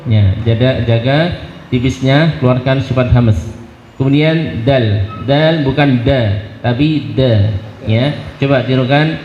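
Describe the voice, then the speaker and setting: A man teaching Quran recitation, explaining pronunciation and chanting each syllable slowly for a group to repeat. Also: medium pitch, darkish tone. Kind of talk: tajweed lesson with call-and-response drills. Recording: echoey hall, dull lo-fi sound, faint hiss.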